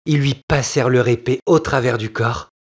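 A man narrating a storybook fairy tale with a husky voice, in slow, expressive storytelling. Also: medium pitch. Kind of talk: storybook reading.

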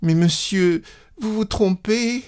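A man's voice: high-pitched, slow, a little mellow, smooth, voice pushed up. A man doing a tearful, frightened young bride. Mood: pleading.

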